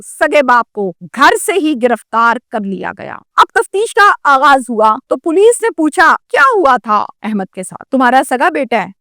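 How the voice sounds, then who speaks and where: A woman with a Pakistani Urdu accent tells a crime story and then turns to indignant, lecturing commentary aimed straight at the listener. Her voice sits high and sounds sharp and bright. The recording is close and dry. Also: no echo. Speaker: crime news presenter.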